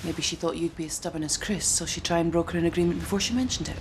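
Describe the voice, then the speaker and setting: A woman's voice: on the low side, fairly even intonation, fast, heavy background noise, close to an everyday voice. A woman playing a cool, cutting businesswoman. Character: cool, sharp businesswoman negotiating. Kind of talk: television soap drama.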